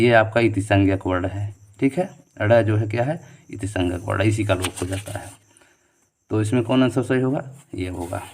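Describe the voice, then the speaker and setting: With a mid-range, slightly mellow voice, this man teaches an exam-prep quiz class. He reads out every question with its options, thinks through to the answer and drills key answers by repeating them. Fillers such as "theek hai" and "jo hai" come often, along with memory tricks and shortcuts.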